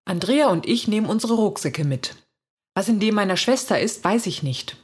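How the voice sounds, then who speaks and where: A woman reading a first-person children's story aloud in a lively, expressive way, with a husky voice. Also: mid-range voice, moderate pace. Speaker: reader.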